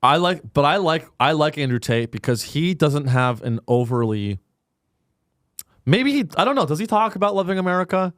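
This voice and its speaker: A man's voice: sing-song, moderate pace, fairly bright tone, no room sound. Crude sarcastic man, dry mic. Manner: crude, sarcastic, swings to high mocking pitch. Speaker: podcast host. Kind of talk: casual comedic chat.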